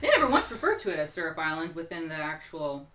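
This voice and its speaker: A woman co-hosting a casual talk show, chatty and quick to laugh, her throat a little strained. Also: low-pitched. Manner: chatty, laughs often, animated bursts. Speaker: podcast co-host. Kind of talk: casual chat.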